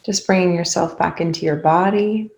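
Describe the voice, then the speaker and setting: Calm and slow, a woman talks listeners through a meditation in a low, creaky-toned voice with almost no pitch movement. Long pauses fall between her short, gentle instructions, all spoken softly.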